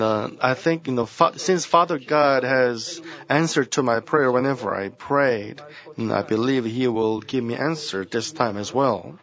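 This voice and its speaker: A man's voice: medium pitch, fairly bright tone, lo-fi sound. A man preaching a sermon as senior pastor, earnest and repeating his key phrases.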